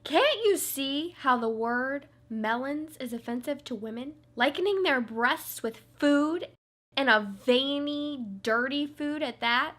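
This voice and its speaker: A bright, high voice belongs to a self-righteous daytime TV judge, played by a woman. She lectures and scolds in a preachy, easily offended way, as in a comic radio sketch. The tone stays crisp and pointed. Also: animated, slow pace, full character voice. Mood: scolding.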